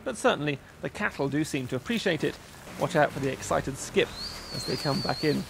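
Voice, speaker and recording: A man's voice: on the high side, expressive, fairly quick, vocal fry, background noise. A man narrating a nature-reserve documentary in a light, wry voice-over.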